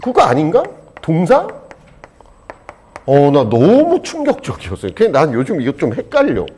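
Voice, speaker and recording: Male teacher, husky voice, slightly high, pitch leaping all over, jokey lecture. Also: normal speed. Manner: animated, swings between loud and soft, jokey asides. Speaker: Korean language teacher. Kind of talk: exam prep lecture.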